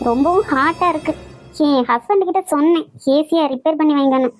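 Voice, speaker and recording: A woman with a Nagercoil Tamil accent voicing a feisty young woman in a cartoon, loud and quick-tongued. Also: high-pitched, soft background music, lightly acted, low-quality recording. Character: feisty young woman job-seeker, brash and fearless. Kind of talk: cartoon voice acting.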